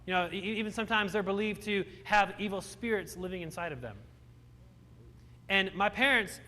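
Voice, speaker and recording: In a large hall before a live audience, a young motivational speaker born in Romania shares his life story with self-deprecating humor, often starting his sentences over. His voice sits high and sounds pushed and bright, with a big-room quality.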